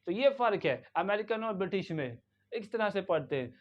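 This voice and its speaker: A man with a Lucknow Hindi accent teaching English pronunciation. He asks the class questions, answers them himself, and repeats words slowly with emphasis. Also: sits high, expressive, dull audio. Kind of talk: classroom-style pronunciation lesson.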